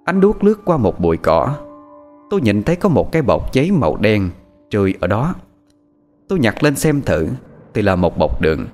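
A man telling a horror story in an expressive, dramatic narrating manner. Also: on the low side, moderate pace, soft background music.

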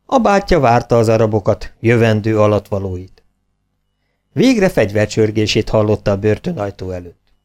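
Expressive male storybook reader. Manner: expressive, lowers voice for narration tags. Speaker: audiobook reader. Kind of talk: children's audiobook narration.

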